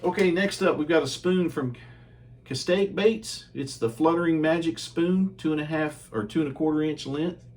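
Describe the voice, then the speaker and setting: A man's voice: a little high, moderate pace. Easygoing man reviewing fishing baits. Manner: relaxed, chatty, many ums and uhs. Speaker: fishing channel host. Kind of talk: casual bait review.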